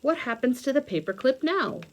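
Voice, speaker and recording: In a high, sing-song voice at normal speed, a children's teacher leads a hands-on read-aloud lesson, talking through each step in simple terms as she thinks aloud. Background noise is noticeable in this homemade video.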